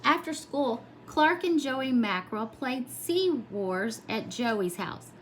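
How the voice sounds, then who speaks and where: A woman's voice: on the high side, animated, slow pace, a bit bright, slight background noise, rough recording. A woman reading a children's storybook aloud expressively, in the style of a preschool teacher.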